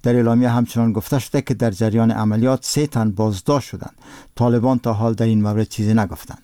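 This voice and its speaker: A man's voice: lowish voice, steady tone, warm tone, no room sound, clean studio sound. A man with an Afghan accent reads a scripted radio news bulletin in a solemn, formal newsreader manner.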